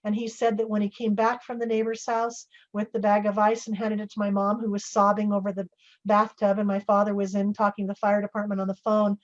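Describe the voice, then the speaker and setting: A woman's voice: mid-range voice, monotone, fairly quick. A middle-aged woman on a panel, telling a personal story in an earnest, conversational way and quoting others as she goes. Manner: earnest, conversational, with restarts and quoted dialogue. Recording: slightly muffled recording.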